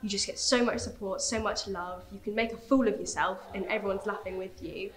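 A young woman speaks in an interview about her work as a performer. Her pitch is average for a woman and her delivery is emphatic. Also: steady tone, a little fast, fairly bright tone. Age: young adult. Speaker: student performer. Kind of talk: on-camera interview. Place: indoors on a theatre stage set.

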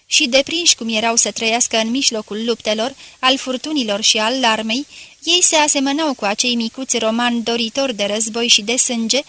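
A woman reading a classic novel aloud as an audiobook narrator, in a measured, literary manner. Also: a little high, bright, forceful tone. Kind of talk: scripted narration.

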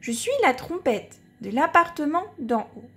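A woman voicing a small, eager young trumpet in a storybook, high and pleading. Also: lively intonation, measured pace, fairly bright tone, exaggerated voice.

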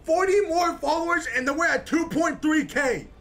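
A live streamer giving excited reaction commentary, yelling, laughing and swearing in bursts. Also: sits high, normal speed. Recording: steady background noise.

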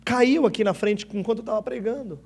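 A man with a high voice interprets a sermon phrase by phrase. He matches the preacher's quiet and loud moments, stumbling now and then. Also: fairly quick, vocal fry, husky. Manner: echoes the preacher's intensity, some hesitations.

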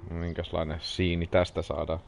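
A man's voice: low-pitched, completely flat delivery, fairly quick, vocal fry, slight background noise. A native Finnish man giving casual live commentary as he streams a game.

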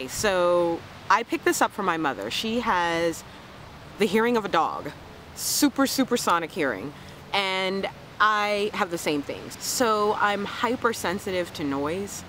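A woman in her forties from the Washington, D.C. area chats playfully to camera on a lawn by trees, laughing often and tossing in lively self-mocking asides. Her voice is medium-pitched and measured, picked up at close range by a camera mic, with poor audio carrying a little hiss or hum.

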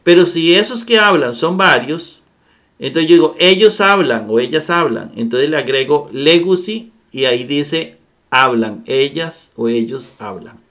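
Male grammar teacher, upper-middle pitch, patient and methodical, frequent check-in questions. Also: lively intonation, unhurried, a bit bright. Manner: patient step-by-step explaining, often checking with "¿verdad?". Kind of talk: recorded grammar lesson.

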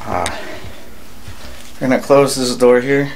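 Young male vlogger, twenties, mid-pitched, casual and hesitant delivery, slightly noisy home camera sound. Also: fairly even intonation, slow pace, a little mellow. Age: 20s. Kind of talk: casual night vlog, explaining a challenge to camera. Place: small home bathroom at night. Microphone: handheld camera at arm's length. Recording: noisy small-room camera audio.

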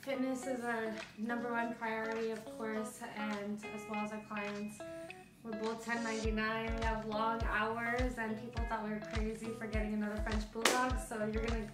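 A woman's voice: fairly high pitch, flat delivery, moderate pace. A young woman from Southern California, chatting casually in an easygoing, giggly way. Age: young adult. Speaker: vlog co-host, real estate agent. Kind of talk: casual vlog chat. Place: living room indoors. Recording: roomy and distant with music.

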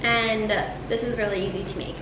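A young woman with a slightly high voice chats through a recipe in a bubbly, casual way. She sounds a few steps back from the camera in an echoey home kitchen. A steady hiss runs under her words. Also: a little fast. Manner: bubbly, leans on "like" as filler. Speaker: cooking vlog co-host. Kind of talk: casual chat while cooking. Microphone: far camera. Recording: roomy kitchen from a distance, steady background hiss.

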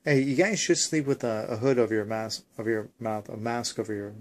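A man's voice: medium pitch, fairly quick, a little hiss or hum. A man asking mock-reporter questions in a goofy home interview, teasing the others.

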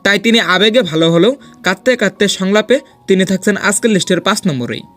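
Quick, high-voiced male countdown narrator. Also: fairly bright tone, faint music behind. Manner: dramatic, persuasive countdown delivery. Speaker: host of a film ranking video. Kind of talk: scripted voice-over narration.

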